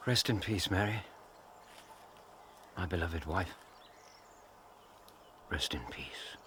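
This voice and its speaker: An actor playing a gentle, wry male doctor and companion in a radio drama, with dry, understated remarks. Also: deep voice, expressive, takes it slowly, background noise. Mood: melancholy.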